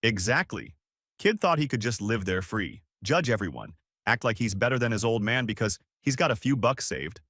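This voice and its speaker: A man's voice: lowish voice, sing-song, moderate pace, fairly bright tone, no room sound, clean studio sound, full character voice. A man voicing a boastful, scornful middle-aged father bragging to his friends at a bar. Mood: mocking boastful.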